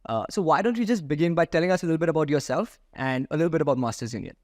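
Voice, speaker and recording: Male podcast interviewer, Indian accent, slightly high voice, dry close sound. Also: racing, a little mellow, dry recording.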